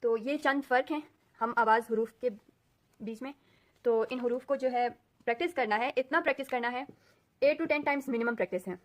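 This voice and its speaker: A woman with an Urdu accent teaching a recorded lesson, speaking slowly and deliberately and repeating sounds as drills. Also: fairly high pitch. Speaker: Quran recitation teacher.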